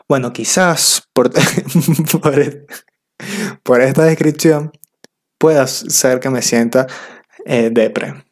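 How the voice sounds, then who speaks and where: A man's voice: medium pitch, darkish tone. A young man from Venezuela with a Venezuelan accent, talking to the camera in a casual, slangy, self-mocking comic monologue. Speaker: vlogger.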